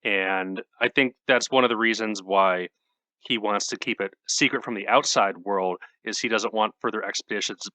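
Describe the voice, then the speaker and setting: A laid-back man co-hosting a podcast, adding short agreeing replies and calm points about a book. His voice sits a little low yet sounds bright. The recording is dry and close. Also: moderate pace, no room sound. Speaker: podcast co-host. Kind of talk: casual book discussion.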